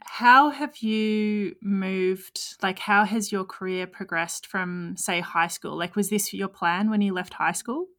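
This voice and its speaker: A woman's voice: medium pitch, takes it slowly, few pauses, a bit bright. A woman interviewer asking career questions in a friendly, encouraging way.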